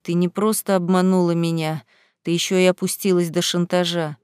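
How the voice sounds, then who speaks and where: A woman's voice: fairly low pitch, little pitch movement, a little fast, darkish tone, clean tone, no echo, studio quality, close to an everyday voice. Woman voicing an enraged betrayed young man. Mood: furious. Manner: barking, furious accusations. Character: angry young wealthy man, betrayed lover. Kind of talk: audiobook character reading.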